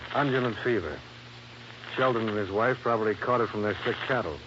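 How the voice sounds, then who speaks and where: In a noisy, band-limited old radio recording from a 1950s detective drama, a man voices a wry, tough American insurance investigator with dry, resolute confidence and a matter-of-fact manner. His voice is on the low side, brisk and natural, and sounds muffled.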